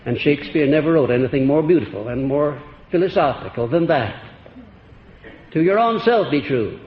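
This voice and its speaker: Before a live audience in a lecture hall, a man chuckles and questions listeners during a folksy motivational talk preserved on an old archival tape that is echoey, dull and faintly hissy. He speaks at a moderate pace in a fairly high, animated voice.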